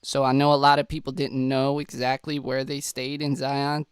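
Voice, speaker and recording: A man's voice: medium pitch, completely flat delivery, moderate pace, smooth, dry recording, clean studio sound. A man hosting a casual case walkthrough, a little stuffy and out of breath, chatting to viewers. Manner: chatty, addresses viewers as guys, restarts. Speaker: true-crime video host.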